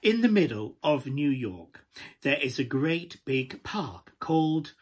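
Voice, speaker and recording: A man performing a glamorous, camp pantomime dame with a British accent and a husky, breathy voice, coaxing listeners through a children's story. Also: mid-range voice, very animated, takes it slowly, heavily acted. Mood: cosy, playful. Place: small room at home, indoors.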